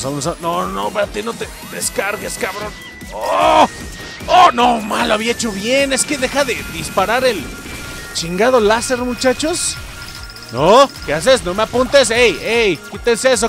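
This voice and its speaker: Excitable Mexican gamer yelling at the screen. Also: male voice, high voice. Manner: excitable, swears and yells at the game. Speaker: gameplay streamer. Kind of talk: let's play commentary. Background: game music.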